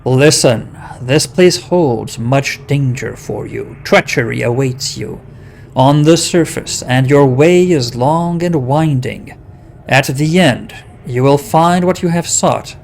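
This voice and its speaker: A man voicing an ancient, solemn talking stone face from a fantasy game, creaky, with a slow, grave, drawn-out delivery. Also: mid-range voice. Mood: foreboding. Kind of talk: dramatic reading of fantasy game dialogue. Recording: noticeable background noise.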